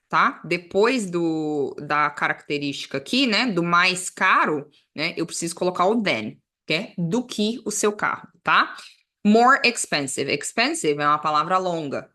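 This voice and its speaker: A woman's voice: fairly low pitch, sharp tone. A woman teaching English grammar, explaining patiently and checking in often with the class. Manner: patient, ends phrases with "tá?". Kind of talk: explaining a lesson.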